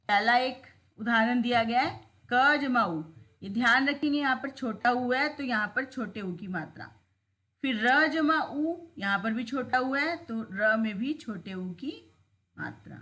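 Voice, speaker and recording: Lady teacher going over a lesson real slow, bright voice, says words so kids repeat after her. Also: fairly high pitch, very echoey. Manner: slow, clear, repeats words for students to follow. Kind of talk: classroom lesson, explaining step by step.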